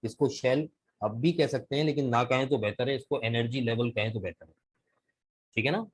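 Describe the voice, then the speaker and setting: A man with a Pakistani Urdu accent teaches a live online class over a video call. His voice sits at an ordinary middle pitch, and he explains things patiently, step by step. He keeps pausing to ask his students questions. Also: slightly rough, low-quality recording. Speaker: English vocabulary teacher.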